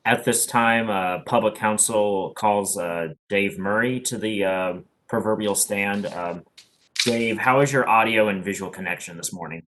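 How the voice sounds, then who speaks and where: Casting: man, lawyer at a hearing, lower register, formal and a little halting. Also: fairly bright tone, slight background noise, rough recording. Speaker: attorney for public counsel. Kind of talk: formal witness examination.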